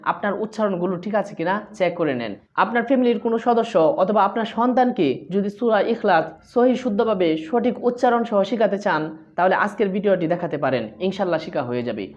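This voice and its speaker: Patient woman teaching recitation slowly. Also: mid-range voice. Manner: drawn-out model phrases, explaining letter sounds patiently. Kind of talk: step-by-step pronunciation lesson. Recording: slightly dull lo-fi recording.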